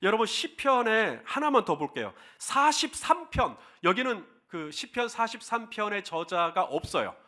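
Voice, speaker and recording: A man's voice: sits high, sing-song, a little slow, few pauses, pushed and bright. A man pastor preaching a sermon, leading his congregation through scripture readings line by line and acting out the cries he quotes with passion. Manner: leads the congregation in call-and-response scripture reading; impassioned, acts out quoted cries.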